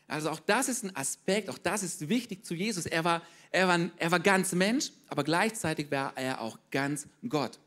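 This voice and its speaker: A man preaching a sermon as pastor, lively and speaking straight to his congregation, often checking in with a quick question. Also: fairly high pitch.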